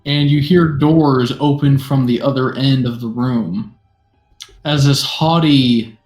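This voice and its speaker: A man's voice: mid-range voice, slow pace, soft background music. Man running a tabletop game, echoey room. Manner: self-deprecating, relaxed narration. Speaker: game master.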